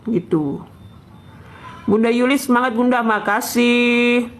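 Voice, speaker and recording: A woman from North Sumatra with a North Sumatran accent, talking loudly and bluntly to viewers on a live stream. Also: a little high, slow pace. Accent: North Sumatran Indonesian. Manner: loud, blunt, sounds angry when calm.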